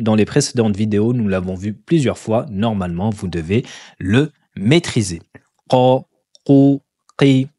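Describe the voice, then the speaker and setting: A man teaching Quran pronunciation step by step, patiently repeating syllables slowly and deliberately. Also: fairly low pitch, darkish tone, slightly rough, no echo, studio quality.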